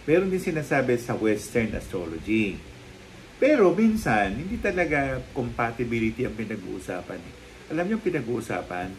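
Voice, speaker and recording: A man tells stories in casual talk-show chat, his pitch leaping widely as he acts out the voices of the people in them. His speech sits at an ordinary middle pitch, with a faint hiss of background noise under it. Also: normal speed, rough recording. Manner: lively storytelling, acting out quoted people, frequent laughs. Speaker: guest storyteller, psychic. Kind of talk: casual chat, animated anecdotes.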